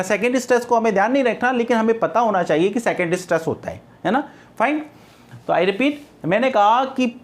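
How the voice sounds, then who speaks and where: Male teacher, classroom lecture style; drills key terms and quizzes himself, mixing in English terms. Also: high-pitched. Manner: repeats key terms, asks and answers his own questions; mixes English terms into Hindi explanation.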